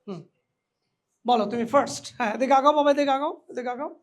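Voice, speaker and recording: A man teaching English pronunciation to new college students in a hall, lively and teasing, slipping English phrases into his talk. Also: very high voice, fast talker. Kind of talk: lively classroom lecture with a live audience.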